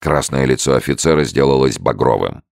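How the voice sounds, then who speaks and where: A man reading a novel aloud as an audiobook narrator, with expressive delivery. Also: rumbling low, brisk, gravelly, dry recording, clean studio sound. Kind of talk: scripted narration.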